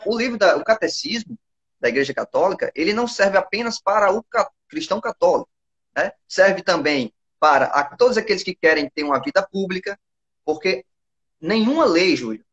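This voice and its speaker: A man's voice: sits high, fairly bright tone, muffled recording. A young man in his early twenties with a Brazilian accent, explaining his views earnestly as an interview guest and often asking for agreement. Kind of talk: conversational interview.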